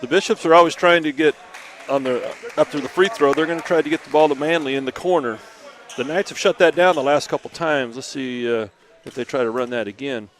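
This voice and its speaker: A man's voice: a little high, brisk. A man giving casual color commentary on a basketball game. He talks in a rambling way, with restarts and fillers.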